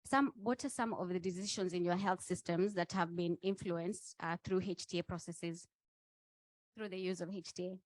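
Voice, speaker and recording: Female training facilitator, lowish voice, didactic delivery that engages the room, dry sound. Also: fairly even intonation, moderate pace, darkish tone, no echo, poor audio. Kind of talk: presenting a training session.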